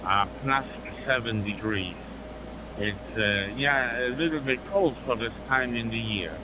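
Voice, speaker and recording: A man's voice: mid-range voice, unhurried. A man from northwest Germany with a German accent making amateur radio contact, hesitantly phrasing and spelling out call signs over a two-way radio. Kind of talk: ham radio contact chat. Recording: noisy digital handheld radio transmission.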